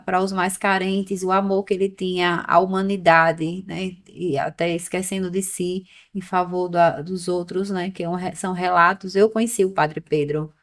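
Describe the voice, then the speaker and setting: Thoughtful woman museum director. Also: medium pitch. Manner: thoughtful, explanatory, with frequent "né?" tags. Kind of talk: casual podcast conversation.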